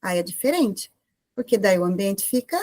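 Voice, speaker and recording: A woman with a Brazilian Portuguese accent gives an informal talk to a women's group, asking lots of rhetorical questions and tagging her sentences with quick checks. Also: medium pitch, lively intonation, darkish tone, no room sound. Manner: conversational, full of rhetorical questions and tag questions. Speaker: guest speaker at a women's group meeting.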